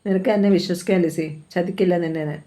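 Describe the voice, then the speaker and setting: A woman reading the lines of a scheming male killer who coaxes a woman with low, persuasive talk. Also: steady tone, quick pace, dark tone, close to an everyday voice. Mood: coaxing. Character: scheming smooth-talking male killer seducer.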